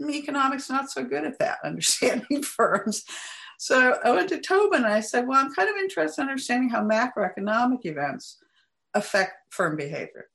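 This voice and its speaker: A middle-aged woman academic recounting her path in a relaxed interview, chatty with frequent small laughs and restarts. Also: high-pitched, a little fast, creaky. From United States. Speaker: guest academic. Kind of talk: interview conversation.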